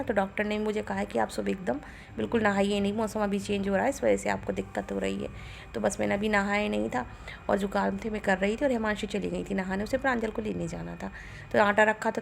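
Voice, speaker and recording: A woman in her forties with a Bundelkhandi Hindi accent, talking through her day in a chatty, homely way for a daily vlog. Her voice has a gravelly edge at a middle pitch. It is recorded on a phone in a home kitchen with faint household sounds behind her. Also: slight background noise. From India. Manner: chatty, homely, retells family talk. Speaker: vlogger. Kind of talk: casual daily vlog narration.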